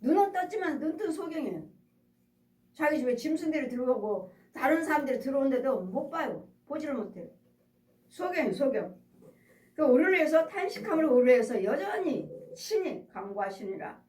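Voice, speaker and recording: A woman's voice: high-pitched, sing-song, a little fast, darkish tone. A middle-aged woman pastor preaching a sermon, repeating exhortations and asking the congregation rhetorical questions. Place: church sanctuary. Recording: echoey room, voice from a distance.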